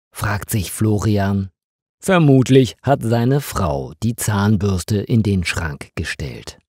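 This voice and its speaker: A man narrates a scripted story for language learners, speaking slowly and deliberately in short sentences with highly varied intonation. His voice is a little mellow with a somewhat husky edge. The clean studio sound has no room noise.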